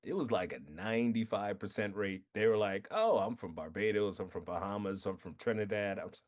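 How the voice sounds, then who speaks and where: A man being interviewed about his film, telling animated stories, acting out quotes and laughing often. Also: on the low side, fairly quick. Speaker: filmmaker guest. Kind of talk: casual interview storytelling.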